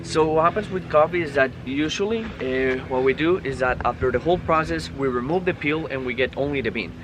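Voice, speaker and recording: A man's voice: mid-range voice, brisk, noisy background. A man, a native Spanish speaker from Colombia, guiding a group on a coffee farm. He explains patiently and ends many phrases with "okay?". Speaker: tour guide. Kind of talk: guided tour explanation.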